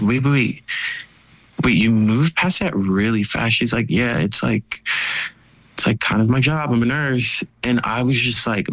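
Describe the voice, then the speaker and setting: A man speaking as a guest in a casual interview, expressive and animated, with many "like" fillers. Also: lowish voice, rough recording. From United States.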